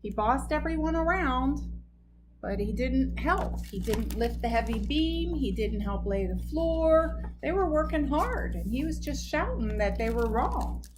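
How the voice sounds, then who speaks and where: A woman reading a picture book aloud to children at bedtime, pausing to explain the story gently. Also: high voice, lively intonation, noisy background.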